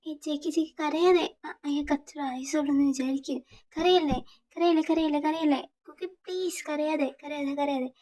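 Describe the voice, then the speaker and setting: A woman voicing a gentle young man who softly comforts a crying friend. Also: sits high, fairly even intonation, normal speed, pauses often, natural voice. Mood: soothing. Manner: soft, soothing, repeating words.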